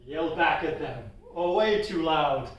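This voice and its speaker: Swiss man, slow and echoey. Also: on the high side, muffled recording. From Switzerland. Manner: humorous, animated storytelling. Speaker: table topics speaker. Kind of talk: impromptu speech at a club meeting. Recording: echoey room, distant mic.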